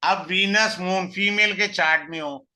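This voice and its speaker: A male astrology teacher gives a recorded lesson in a very bright, sharp, cutting voice. He talks a little high and often quizzes his students with rhetorical questions before answering them himself. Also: measured pace. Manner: mixes in English terms and repeats key phrases. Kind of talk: recorded online lesson, explaining step by step.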